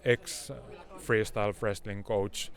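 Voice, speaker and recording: A man in his thirties with a Finnish accent, a fighter giving a casual post-fight interview and haltingly searching for his English words. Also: fairly low pitch, flat delivery. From Finland. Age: 30s. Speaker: MMA fighter being interviewed.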